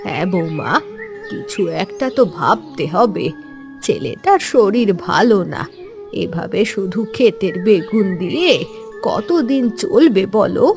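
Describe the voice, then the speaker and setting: Woman doing a gentle old village mother. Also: medium pitch, very animated, a little slow, over music. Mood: worried.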